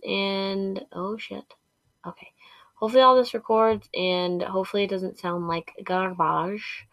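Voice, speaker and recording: A woman's voice: medium pitch, no echo, lo-fi sound. Woman podcasting from inside a closet. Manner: rambling, chatty, full of "um" and "anyway" asides. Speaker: podcast host. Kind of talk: casual solo podcast chat. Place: recording inside a small clothes closet. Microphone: home sound system and laptop.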